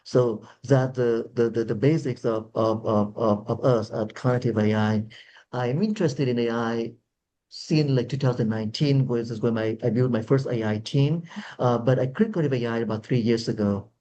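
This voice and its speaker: A man's voice: medium pitch, moderate pace, dark tone. A man, a founder speaking on a webinar panel over a video call, explaining earnestly and repeating words as he searches for them. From Vietnam. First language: Vietnamese. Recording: dull, lo-fi video call audio.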